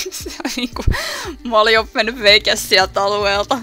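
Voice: medium pitch, fairly even intonation, music in the background. A gaming YouTuber giving casual, jokey running commentary while playing a game. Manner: chatty, jokey running commentary with small laughs.

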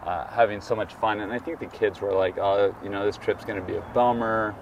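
Sitting outdoors beside a travel trailer, a relaxed man in his thirties, the vlog's co-host, rambles easily through a story in casual travel chat. His voice is deep and low and fairly quick, and the camera picks him up from a distance over steady street noise.

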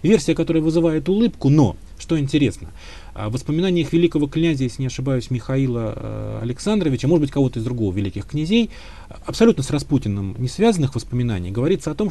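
Speaking quickly and expressively, a man with a warm, medium-pitched voice answers interview questions as a historian. His replies run long, and he stays thoughtful and hedging throughout, leaning on frequent filler sounds.

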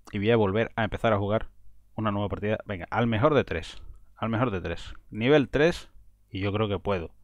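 Excitable man commentating gameplay. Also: fairly low pitch. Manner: excitable, frustrated outbursts and self-talk. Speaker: gaming video host.

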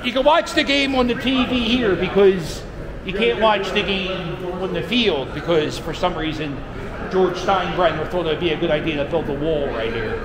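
A man in his forties vlogging as he walks through a baseball stadium, loud and excitable, shouting cheers. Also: sits high, moderate pace. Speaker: vlogger and sports fan. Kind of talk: excited vlog commentary. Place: crowded baseball stadium concourse. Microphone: handheld camera at arm's length. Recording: loud crowd noise at a ballpark. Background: loud crowd and stadium noise.

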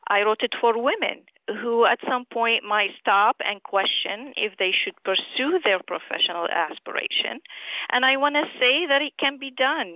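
A middle-aged woman from Syria, a physician and author, answering interview questions over the phone in a measured, earnest way. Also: a little high, dry recording. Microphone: telephone. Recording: tinny phone line.

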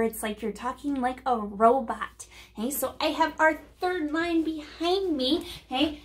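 Slow, high-voiced woman teaching small children. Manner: cheerful, addresses kids as friends, speaks words slowly one by one. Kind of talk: children's lesson, slow rhyme recitation.

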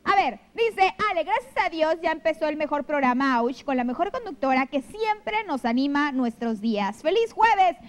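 A woman's voice: high-pitched, expressive, moderate pace, hardly any pauses, poor audio. A Mexican woman hosting a live TV show, chatting affectionately and reading viewer messages into a handheld mic. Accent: Mexican Spanish. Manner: chatty, affectionate, gushing with pet names. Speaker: TV show host. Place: TV studio. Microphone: handheld microphone.

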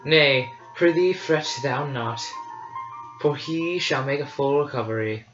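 Obi-Wan Kenobi, a man reading a gentle old knight. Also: mid-range voice, natural voice. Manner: measured, gentle verse. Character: wise old male hermit knight, gentle. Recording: roomy, slightly dull, faint music.

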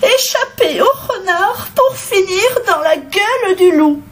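A woman's voice: very high voice, lively intonation, a little slow, a bit bright, slight background noise, pitched above the performer's own voice, exaggerated voice. A woman voicing a frightened little hen who wails and whimpers. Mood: wailing. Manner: wailing, whimpering.

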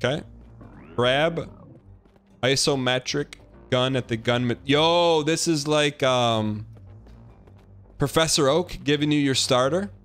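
A man's voice: medium pitch, slow, pauses often, fairly bright tone. A man doing casual live game commentary as a streamer, with slangy, chatty asides. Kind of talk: casual live game commentary, reading chat and on-screen text. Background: game music.

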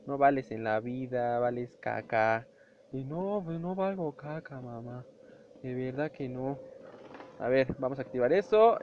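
A young man with a Mexican accent giving excitable gameplay commentary, shouting, swearing and making sound effects. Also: on the high side. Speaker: gameplay youtuber. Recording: dull lo-fi home recording with faint hiss.

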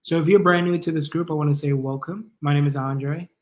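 A Jamaican-accented man in his thirties, an online business coach and livestream host, gives a casual live tutorial from his kitchen or living room. His fairly high, darkish voice is brisk with fairly even intonation, and he rambles in an informal, encouraging way.

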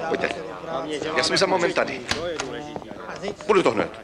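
An actor in a 1970s film comedy playing a gruff, quick-tempered factory boss. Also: male voice, fairly high pitch, sing-song, a loud crowd.

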